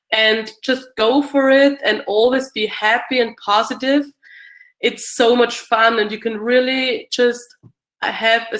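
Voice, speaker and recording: An Austrian woman answers audience questions in a casual Q&A talk, her bright voice slow and on the high side. She sounds hesitant, with many fillers and restarts, in an echoey room.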